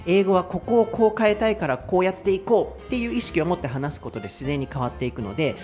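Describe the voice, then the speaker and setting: A man's voice: sits high, animated, fast, darkish tone, soft background music. A Japanese man hosting an English lesson podcast, chatting casually and explaining with a laugh. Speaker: podcast host and English teacher. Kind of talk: casual bilingual lesson chat.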